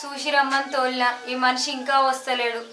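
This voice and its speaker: An actress playing a nosy, suspicious village wife with a Telangana Telugu accent. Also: female voice, high-pitched, little pitch movement, brisk, roomy sound, far from the mic, heavy background noise, natural voice. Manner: nosy, insistent, accusing. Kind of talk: village short film acting. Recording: music behind.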